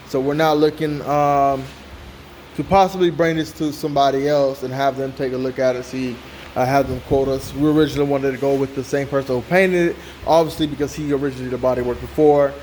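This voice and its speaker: In a sweltering car workshop, a fan hums noticeably as an American host walks through his build in a relaxed vlog. His voice is mid-range and a bit dark, and the recording quality is low. He talks loosely, often turning to the listener with "you know what I'm saying."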